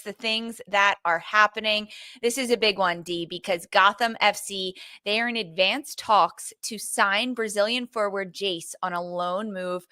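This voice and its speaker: A woman's voice: mid-range voice, pushed and bright, smooth, no echo. A woman hosting a sports podcast, upbeat and leading each segment over a video call. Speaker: host.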